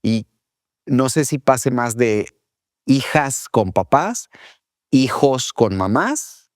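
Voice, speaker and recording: A man's voice: medium pitch, lively intonation, takes it slowly, no room sound, clean studio sound. A man co-hosting a faith-based parenting podcast, talking casually and acting out children's whiny voices now and then. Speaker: podcast co-host, father.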